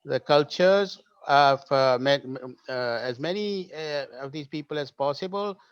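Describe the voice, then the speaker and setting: Smooth-voiced man, earnest guest. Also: a little high, unhurried, no room sound. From Pakistan, raised in Britain. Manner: earnest, with many hesitations. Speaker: podcast guest. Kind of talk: conversational panel talk. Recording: dry, dull lo-fi audio.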